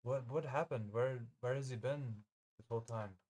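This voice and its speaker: A man's voice: mid-range voice, a little mellow, close to an everyday voice. A worried wife of a scientist, put on by a male game master. She hesitates, trails off and restarts her sentences in a tabletop game. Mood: anxious. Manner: hesitant, halting with fillers. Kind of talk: tabletop role-play voicing.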